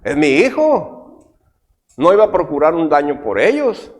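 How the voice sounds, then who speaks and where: Man, middle-aged, pastor giving a sermon; lively, swinging delivery. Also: fairly high pitch, measured pace. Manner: animated preaching, with frequent rhetorical questions.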